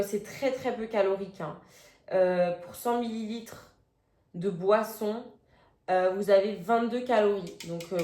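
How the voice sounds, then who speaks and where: A woman's voice: mid-range voice, a little mellow. Chatty young Frenchwoman in echoey room. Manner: chatty, many "euh" fillers, informal slang. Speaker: vlogger. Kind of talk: casual grocery haul vlog.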